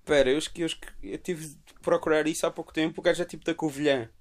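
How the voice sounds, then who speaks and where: A man's voice: fairly high pitch, fairly even intonation, rapid-fire. A young man chatting casually with friends about music, explaining in slangy bursts with repeated starts.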